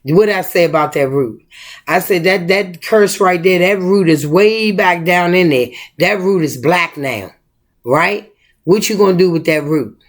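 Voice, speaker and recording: A middle-aged woman, a mother co-hosting a casual family chat, talking emphatically and asking rhetorical questions like a preacher. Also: fairly low pitch. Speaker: mother and co-host.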